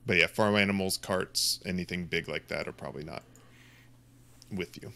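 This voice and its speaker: A male game master with a fairly low voice talks casually and hesitantly. He explains tabletop rules with frequent ums and restarts. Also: normal speed, vocal fry, sharp tone.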